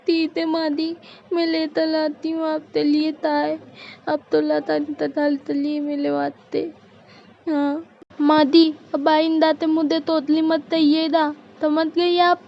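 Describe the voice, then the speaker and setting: A woman's voice: sits high, monotone, slow pace, gravelly, slight background noise, voice pushed up, heavily acted. A woman voicing a young daughter-in-law in a cartoon who speaks with a heavy childlike lisp, timid yet answering back. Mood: pleading. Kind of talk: cartoon voice acting. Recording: dull lo-fi recording.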